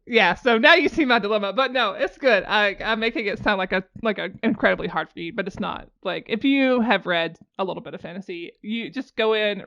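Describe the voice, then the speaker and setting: Gravelly-voiced woman host gabbing about books, kinda dull lo-fi sound. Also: medium pitch. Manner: animated, incredulous rhetorical questions. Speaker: podcast host. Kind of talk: casual book chat. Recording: slightly dull lo-fi audio.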